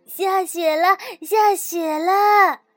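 A woman's voice: sits high, lively intonation, slow pace, no echo, clean studio sound, faint music behind. A woman voicing a cheerful young male rabbit with long ears in a children's story, speaking eagerly. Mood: excited.

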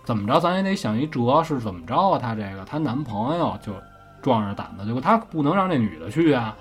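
A man's voice: mid-range voice, big pitch swings, quick pace. Host, male, Beijing accent, casual ghost-story telling, profane and chatty, faint music bed. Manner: chatty, swears casually, keeps checking with listener.

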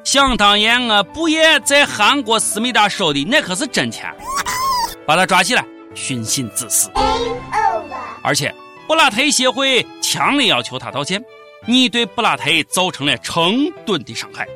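A man's voice: high voice, very animated, normal speed, loud music behind the voice. A man with a Shaanxi accent hosting a satirical comedy news show, narrating in a theatrical, exclamatory way. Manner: theatrical mock outrage, exclamatory.

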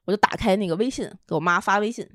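A young woman, hosting a podcast and telling a personal story in an emotional, animated way. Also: medium pitch, racing, dry recording, studio quality. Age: young adult. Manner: emotional, animated retelling with quoted dialogue. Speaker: podcast host. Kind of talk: casual storytelling chat.

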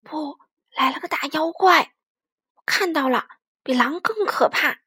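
Brief: timid frightened little boy, high voice, dry close sound, woman voicing him. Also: unhurried, pushed and bright, no room sound. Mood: whispering. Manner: timid, stammering.

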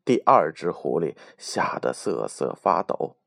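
A man reading a children's picture book aloud as a storyteller, slow and expressive. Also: sits low, vocal fry, no room sound, studio quality.

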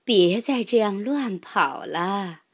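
A woman voicing a loving mother duck in a storybook, speaking softly and tenderly. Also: on the high side, lively intonation. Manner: soft, slow and tender.

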